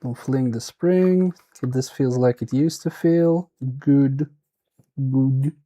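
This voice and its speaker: This man takes it slowly, his medium-pitched voice warm and carrying a Swedish accent. He is fixing a toy on a live stream, casually muttering to himself and thinking out loud.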